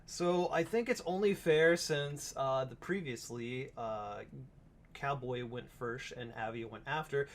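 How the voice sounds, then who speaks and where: A man hosting an improv comedy game show, explaining rules quickly with fillers. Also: mid-range voice, a little hiss or hum.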